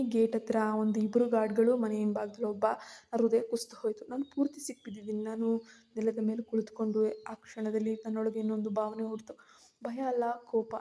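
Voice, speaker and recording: A woman's voice: a little high, warm tone. A woman narrating a suspense story in the first person, with tense, fearful storytelling.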